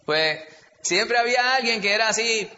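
A man's voice: high voice, normal speed, sharp tone. A man with a Puerto Rican accent leading a Bible study in a chatty way, putting questions to the group. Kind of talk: conversational Bible teaching. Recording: dull, echoey hall recording, faint hiss.

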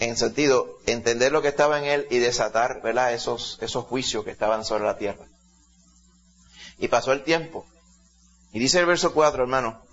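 A man's voice: mid-range voice, a bit bright. A man preaching a sermon in an emphatic way, often calling his listeners brother. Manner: emphatic, keeps addressing listeners as "hermano". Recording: dull lo-fi recording.

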